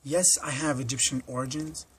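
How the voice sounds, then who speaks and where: A man's voice: mid-range voice, fairly even intonation, normal speed, fairly bright tone, a little hiss or hum. An American man in his twenties, a detainee recording a personal statement in an earnest, impassioned way and pressing rhetorical questions. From United States. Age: 20s. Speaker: detainee making an appeal.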